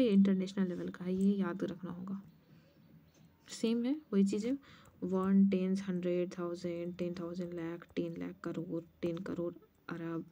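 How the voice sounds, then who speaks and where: A woman's voice: mid-range voice, dark tone. A woman maths teacher explaining place values step by step at a board, now and then muttering asides. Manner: mutters asides under her breath. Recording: muffled lo-fi recording.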